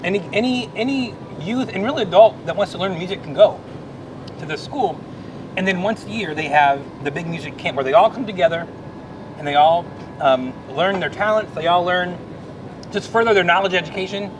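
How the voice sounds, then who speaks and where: A middle-aged man talking earnestly and with feeling in a casual chat, with many restarts. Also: a little fast. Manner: earnest, emotional, rambling with restarts. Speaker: Salvation Army officer. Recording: noisy background rumble.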